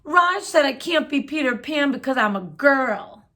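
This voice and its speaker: An eager, determined little schoolgirl from a picture book, as a woman reading aloud does her voice. Her voice is lifted high and bright above the reader's own, and a little louder. She speaks slowly, in the manner of a read-aloud. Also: expressive, exaggerated voice. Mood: upset.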